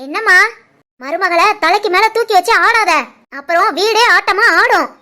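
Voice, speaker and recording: A woman voicing a spiteful, taunting young sister-in-law in an animated family cartoon, with a Tirunelveli Tamil accent. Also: very high-pitched, normal speed. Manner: taunting, accusing.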